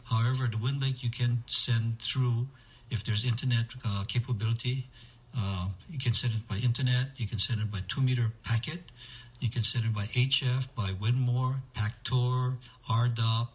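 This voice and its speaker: A man's voice: medium pitch, steady tone, moderate pace, rough recording. A man being interviewed on the radio, explaining things methodically and listing points in short phrases. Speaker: interview guest, amateur radio emergency organizer.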